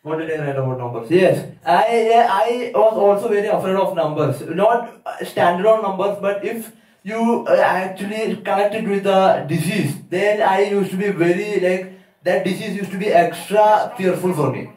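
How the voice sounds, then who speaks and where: A high-voiced man speaks English with a Malayali accent from Kerala. He is a nervous amateur comic, rambling and doubling back on his words. He sounds distant from the microphone in an echoey room. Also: normal speed, a little mellow. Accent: Malayali (Kerala) Indian English. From Kerala, India. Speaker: amateur stand-up comedian. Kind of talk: halting open-mic stand-up storytelling. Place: live open-mic venue, small audience. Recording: echoey room, far from mic.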